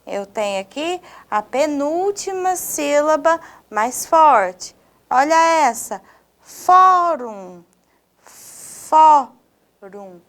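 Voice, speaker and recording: A Brazilian woman teaching a recorded lesson to her students. Her voice is high and she speaks slowly and deliberately, stressing each word. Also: animated. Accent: Brazilian Portuguese. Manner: slow, clearly stressed didactic delivery addressing students. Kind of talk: scripted video lesson.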